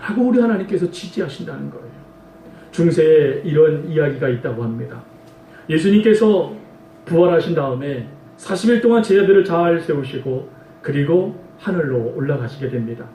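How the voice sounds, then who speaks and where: A man's voice: on the high side, lively intonation, moderate pace, mellow, roomy sound, far from the mic, a little hiss or hum, rough recording. A male pastor preaching a sermon, emphatic and full of rhetorical questions to the congregation. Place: church sanctuary.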